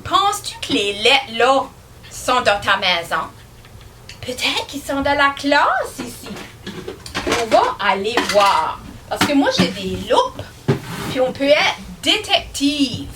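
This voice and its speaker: A young woman with a Québécois accent teaching young children, asking them questions in a slow, sing-song way. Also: high voice, very animated, noisy background. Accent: Québécois French. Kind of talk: children's lesson.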